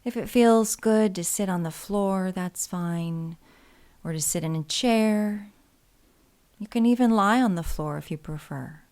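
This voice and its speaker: A woman guides a body scan meditation, her mid-range voice soft, soothing and unhurried, with pauses left between phrases.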